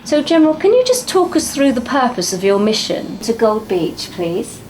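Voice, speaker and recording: A woman's voice: fairly high pitch, big pitch swings, moderate pace, a little mellow, poor audio. Woman interviewer, formal and polite, faint background noise. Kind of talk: documentary interview.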